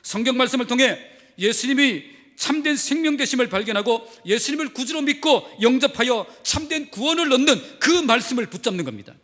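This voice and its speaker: A man's voice: very high voice, animated, brisk, pushed and bright. A male pastor delivering a sermon with emphatic preaching and rhetorical questions to his congregation. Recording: reverberant hall sound.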